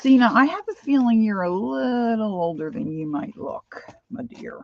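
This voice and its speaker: A woman's voice: on the high side, expressive, normal speed, gravelly. A middle-aged American woman chatting casually and ramblingly on a livestream, with slightly lisped speech from missing teeth. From Pennsylvania, United States. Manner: rambling, chatty, addresses viewers by name. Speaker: craft livestream host. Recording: dull, lo-fi sound.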